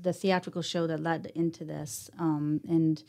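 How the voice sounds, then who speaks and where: A woman's voice: low-pitched, level tone, moderate pace, vocal fry, warm tone. A woman from Sweden, co-founder of a puppetry company, speaking casually in a podcast interview, laughing easily between fillers.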